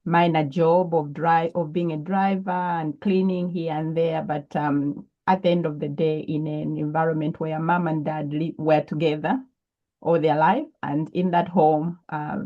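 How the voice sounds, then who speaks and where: A woman's voice: low voice, fairly even intonation, a little slow, dull audio. A woman from Zambia, a guest entrepreneur, answering interview questions thoughtfully with frequent ums and restarts.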